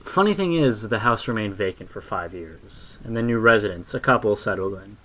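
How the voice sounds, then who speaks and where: A man tells a creepy story in a low, quiet voice, letting the grim details settle. His pitch sits on the deep side, and he keeps a steady storyteller's hush. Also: normal speed. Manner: low, hushed storytelling with dark asides. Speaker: narrator. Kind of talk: horror story narration.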